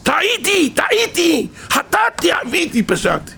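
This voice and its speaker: A man's voice: extremely high pitch, huge pitch swings, gravelly, slight background noise, pitched above the performer's own voice, heavily acted. A man voicing a wicked king pleading to God. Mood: crying out. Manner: pleading, then shouting in confession.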